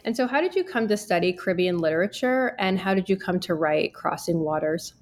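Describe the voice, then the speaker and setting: A woman's voice: on the low side, expressive, brisk. Woman hosting an academic book podcast. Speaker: podcast host. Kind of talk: podcast interview.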